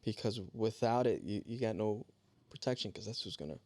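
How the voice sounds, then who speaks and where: A man's voice: fairly low pitch, brisk, darkish tone, no echo. A man hosting a podcast, supportive, chiming in with affirming murmurs and reflective remarks. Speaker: podcast host. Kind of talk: casual interview chat.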